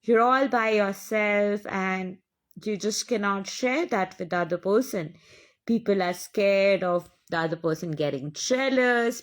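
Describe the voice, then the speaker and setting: A woman with an Indian English accent speaks in an earnest spiritual monologue. She sounds impassioned and a little preachy, and she keeps building on repeated phrases. Her pitch sits in the middle for a woman.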